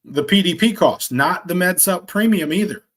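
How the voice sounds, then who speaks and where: A man demonstrating insurance quoting software on a screen share, talking in an energetic, salesy way with quick asides. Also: high voice. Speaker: insurance agent trainer.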